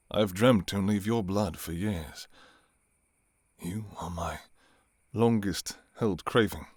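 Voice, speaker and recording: A man playing a courtly, restrained vampire king in an intimate ASMR role-play, speaking formally and softly with some hesitation. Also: sits low, husky, no echo, studio quality. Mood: torn, yearning. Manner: formal, archaic, hesitant, soft-spoken. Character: courtly adult male vampire king, restrained, yearning for his enemy.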